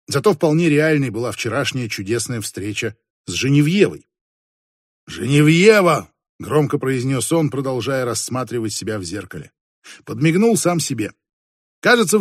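A man reading a novel aloud as an audiobook narrator, in a measured, expressive way. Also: medium pitch, husky, dry recording, studio quality. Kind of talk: scripted narration.

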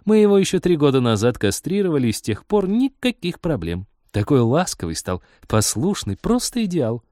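A man's voice: fairly high pitch, sing-song, moderate pace, mellow, dry recording, clean studio sound, voice pushed up. A man voicing a cheerful young woman who dotes on her cat, in a storybook reading. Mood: chirpy.

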